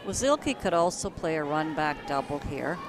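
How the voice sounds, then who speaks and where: A woman's voice: sits low, big pitch swings, moderate pace. A woman giving conversational live analysis as a curling commentator. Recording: clear rink noise behind commentary. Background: curling rink noise and players calling.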